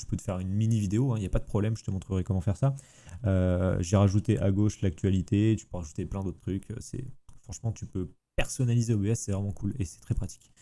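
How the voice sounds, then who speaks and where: A man, casually talking the viewer through a software tutorial with chatty enthusiasm. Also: on the low side. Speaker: streaming tutorial host. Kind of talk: casual screen-recorded tutorial.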